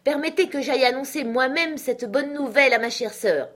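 A woman's voice: high-pitched, moderate pace, a bit bright, pitched above the performer's own voice. A woman voicing a boisterous middle-aged country doctor in an audiobook, brash and exclaiming. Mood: cheerful. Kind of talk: audiobook character voice.

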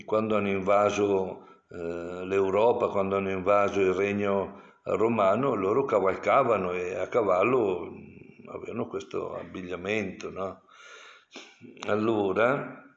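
Older male priest, low gravelly voice, unhurried explanatory sermon with stern warnings, dull lo-fi tape. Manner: explanatory, digressive, sternly admonishing. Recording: dull lo-fi recording.

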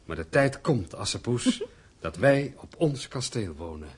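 Voicing an earnest, wistful, worried husband and heir for a radio drama, this man sounds hopeful and tender here. His husky voice is medium-pitched and a little slow, his delivery brooding and expressive.

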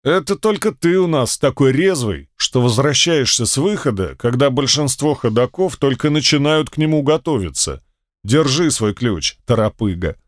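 A man's voice: medium pitch, lively intonation, moderate pace, dry recording, natural voice. A man voicing a curt, mocking blond innkeeper in an audiobook, teasing dryly. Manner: teasing, dry mockery.

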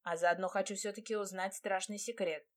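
A woman reading a gruff, teasing young lord. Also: mid-range voice, steady tone, a little fast, lightly acted. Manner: curt, mocking, stubborn. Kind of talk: audiobook character reading.

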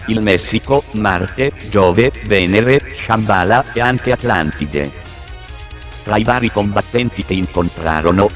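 A male text-to-speech robot voice with a metallic sound, reading a comic parody narration in a flat, deadpan way. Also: on the low side. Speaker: narrator of a video game parody.

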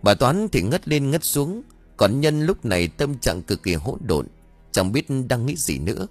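A man reading a ghost story aloud in an expressive, scripted storytelling manner. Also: medium pitch, a little slow, faint music behind. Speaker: audiobook narrator.

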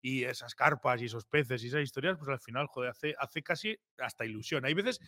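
Bright-voiced man swearing casually. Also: mid-range voice, brisk, dry recording, clean studio sound. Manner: swears freely, animated storytelling. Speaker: podcast host, fishing guide. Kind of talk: casual chat.

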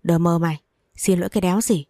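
A woman's voice: on the low side, fairly even intonation, brisk, mellow, no room sound, clean studio sound, lightly acted. A woman voicing a furious, betrayed wife who curses and scolds harshly.

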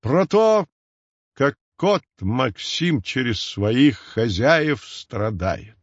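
A man's voice: mid-range voice, very animated, extremely slow, dry recording, lo-fi sound, heavily acted. A man voicing a ginger mustached tomcat who tells stories, talking solemnly and sighing over his troubles.

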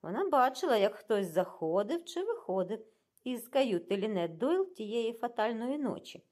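Shrewd male detective, calm, pointed, storybook figure, by a woman reader, lively pitch. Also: moderate pace. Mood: probing. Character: shrewd, probing middle-aged male detective.

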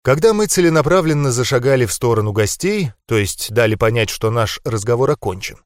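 A man narrates an audiobook in the first person, with steady, even storytelling at a mid pitch. His voice is recorded close and dry, with no room sound behind it. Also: no room sound.

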